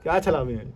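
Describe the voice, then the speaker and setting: A man's voice: mid-range voice, warm tone, slight background noise. A man in a casual rant reacting to viewer comments, scornful and blunt, firing rhetorical questions at the listener. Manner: scornful, mocking, blunt and coarse. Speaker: social media commentator.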